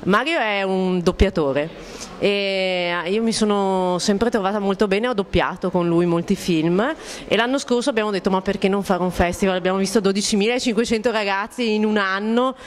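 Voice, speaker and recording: A woman with a medium-pitched voice speaks as an organiser being interviewed. Her answers are spontaneous and conversational. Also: moderate pace.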